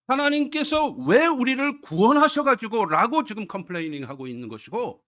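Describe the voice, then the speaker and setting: High-voiced pastor preaching a sermon. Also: male voice, pushed and bright. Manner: asks the congregation questions and answers them himself; quotes scripture in a raised, slowed voice. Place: church.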